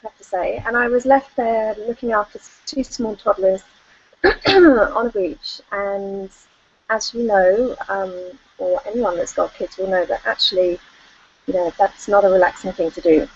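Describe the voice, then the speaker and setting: A woman's voice: medium pitch, normal speed, breathy edge. A middle-aged woman, telling a personal story as a life coach on an online call, candid and chatty with plenty of fillers. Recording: dull lo-fi call audio.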